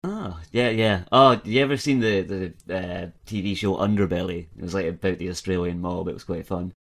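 A man co-hosting a casual podcast, reacting with loud enthusiasm and plenty of swearing. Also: deep voice, normal speed. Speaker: podcast co-host.

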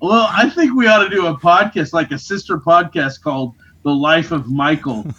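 A man co-hosting a chatty podcast, his slightly high voice sounding muffled and boxed-in, as though he were talking into a trash can. The sound is dull and lo-fi, coming in from a separate remote room. He keeps things upbeat and laughs easily. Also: normal speed, pushed and bright, breathy edge. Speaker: podcast co-host. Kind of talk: casual chat.

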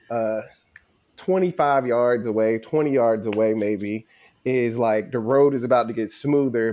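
A man's voice: medium pitch, darkish tone. A man co-hosting a travel vlog, telling a story in a loose, rambling way full of fillers and slang. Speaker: vlog co-host. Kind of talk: casual storytelling.

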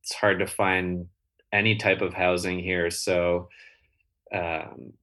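A man being interviewed as a guest, talking casually in halting phrases with many restarts. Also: sits low, flat delivery, fairly bright tone. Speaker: guest, builder and rental owner.

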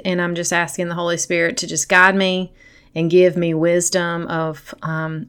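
A woman's voice: lowish voice, smooth. A middle-aged woman hosting a podcast, talking casually and personally in an earnest, encouraging manner to women listeners. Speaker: podcast host and coach.

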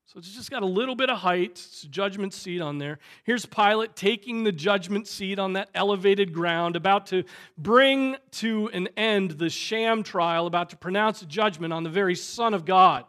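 A male pastor with a Southern American accent, preaching a sermon with dramatic swings in loudness. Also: high-pitched, moderate pace. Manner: dramatic, voices the crowd's shouts loudly.

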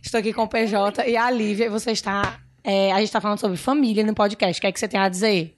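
A woman's voice: mid-range voice, fairly even intonation, fast talker, a little hiss or hum. Playful young woman co-hosting a podcast. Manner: playful, teasing. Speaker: podcast co-host. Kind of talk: casual chat.

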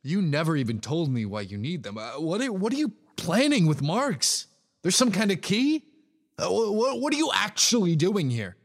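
An actor plays a nervous man who stammers and stumbles over his words under stress. His voice is mid-pitched and carries a long reverb. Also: animated, fairly quick, hardly any pauses, darkish tone, lightly acted. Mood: angry. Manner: stammering, agitated. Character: nervous, shaken male worker caught in danger. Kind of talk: video game voice acting.

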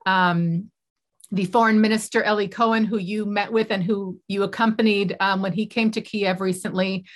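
Woman, interviewer, mid-pitched voice, long detailed questions. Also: steady tone, normal speed. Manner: supplies missing words, asks long detailed questions.

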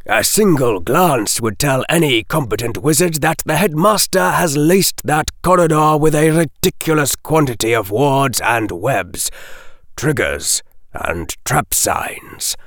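Guy doing a snooty sarcastic professor for an audiobook, slow mocking drawl, pitch goes all over the place. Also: lively intonation, a bit bright, no echo, clean studio sound, heavily acted. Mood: stern, disdainful. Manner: mocking, drawling, sharply emphatic. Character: sardonic, condescending male defense professor, theatrically articulate.

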